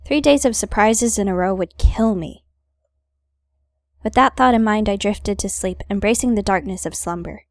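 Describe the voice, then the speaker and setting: A woman's voice: medium pitch, normal speed, dry recording. Wry woman reading a game aloud, dry sound. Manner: wry, playful asides. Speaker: gaming video host. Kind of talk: reading visual novel narration aloud with casual commentary.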